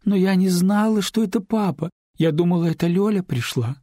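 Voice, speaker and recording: A man's voice: high-pitched, brisk, warm tone, no room sound, studio quality, voice pushed up. A man reading an audiobook, voicing a distraught, tearful teenage neighbor girl who pleads and apologizes in a rush. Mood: pleading, upset.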